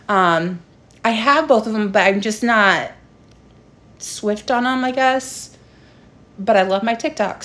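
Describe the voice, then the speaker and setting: A woman's voice: mid-range voice, fairly bright tone. A young adult woman talking informally and explaining a craft step by step in a casual livestream tutorial. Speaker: livestream host, craft seller. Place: small room indoors at home. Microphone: phone propped at arm's length.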